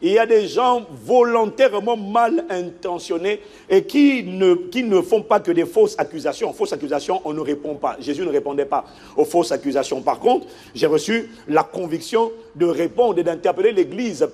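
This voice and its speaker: A man preaching a sermon as a pastor, telling a story in an animated way and acting out the people in it. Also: sits high, normal speed, hardly any pauses. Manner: animated storytelling, acts out the people in his stories.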